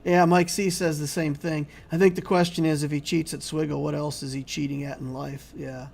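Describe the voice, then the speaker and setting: A man hosting a casual game livestream, reading and answering viewer chat in a rambling, conversational way while he keeps losing his voice and clearing his throat. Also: on the high side, little pitch movement, moderate pace, darkish tone. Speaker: YouTube game channel host.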